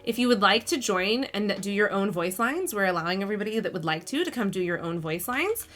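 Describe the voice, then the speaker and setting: A woman runs a live game stream, chatting with players and reading scene text aloud between giggles. Her voice is bright and clear at a middling pitch. Faint music sits behind her. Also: animated, brisk. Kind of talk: casual live-stream chat and narration.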